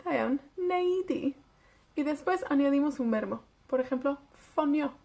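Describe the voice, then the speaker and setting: A woman from Wales with a Welsh accent, teaching a beginners' language lesson and repeating phrases slowly so learners can say them back. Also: sits high, creaky, warm tone.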